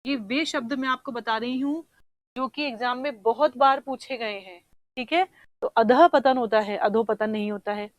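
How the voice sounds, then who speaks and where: A woman's voice: fairly high pitch, dry recording, muffled recording. A woman teacher going through exam answers, explaining spelling patiently and often checking in with her students. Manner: sounds words out slowly to show the spelling. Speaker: Hindi teacher. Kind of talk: exam paper discussion.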